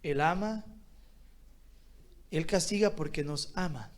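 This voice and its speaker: A man preaching a sermon as pastor, calling on the congregation to answer and swinging between loud exhortation and quiet asides. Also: a little high, slow. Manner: calls on the congregation to answer aloud.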